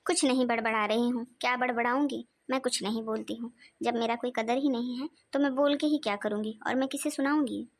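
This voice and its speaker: A woman's voice: a little high, steady tone, fairly quick, few pauses. A woman voicing a young village wife in a cartoon, insistent and complaining. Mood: sulky. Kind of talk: cartoon voice acting.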